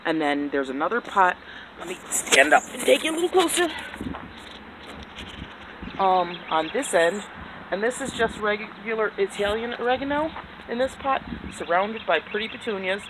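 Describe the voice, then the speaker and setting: A woman walks through her backyard garden with a handheld phone, talking in a chatty, excitable way and poking fun at herself. Her voice sits in a middle pitch range. The outdoor phone audio carries clear background noise and the sound of passing vehicles. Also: moderate pace. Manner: chatty, excitable, self-deprecating. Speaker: gardening vlogger. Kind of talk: casual garden tour. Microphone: handheld phone camera.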